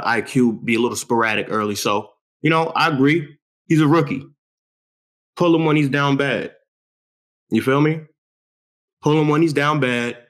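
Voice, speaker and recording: Hyped young man hosting a sports talk show. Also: medium pitch. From New York. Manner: animated, boastful, street slang. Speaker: show host.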